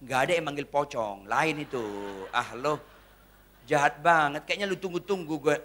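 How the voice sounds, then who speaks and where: A male pastor preaching a humorous sermon, teasing the congregation and swinging between loud punchlines and hushed asides. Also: a little high, moderate pace, slight background noise. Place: church.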